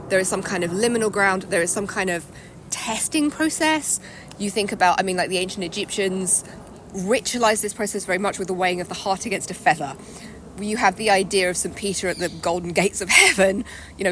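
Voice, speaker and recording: A woman's voice: mid-range voice, fairly bright tone, a little hiss or hum. A woman author, out of breath while walking outdoors, explaining her ideas in a thoughtful, chatty way. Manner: thoughtful, explanatory, quick to laugh. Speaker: author guest. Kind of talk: casual interview walking outdoors. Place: outdoors in a cemetery, traffic nearby.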